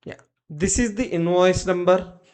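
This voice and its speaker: Speaking in an unhurried, medium-pitched voice, a presenter walks through software steps using brief, clipped commands.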